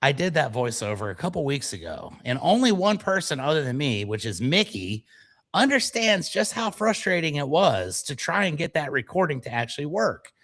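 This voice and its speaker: A man's voice: a little high, very animated, moderate pace, fairly bright tone. A man co-hosting a casual radio show, telling stories in a self-deprecating, mock-dramatic way. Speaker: show co-host and voiceover performer.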